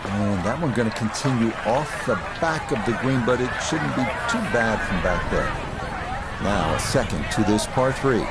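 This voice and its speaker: Male golf commentator, medium register, measured calls, clear crowd and background noise. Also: medium pitch, lively intonation.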